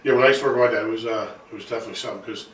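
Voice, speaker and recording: A man hosting a podcast, telling quick, lively stories in casual interview chat. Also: on the low side, roomy sound, far from the mic. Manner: quick, energetic storyteller. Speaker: podcast host.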